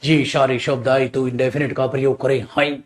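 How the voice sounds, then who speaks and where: A man's voice: mid-range voice, flat delivery, normal speed. A man teaching an English grammar class in Hindi, calling students "beta" and acting out angry scolding examples. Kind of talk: live online grammar class.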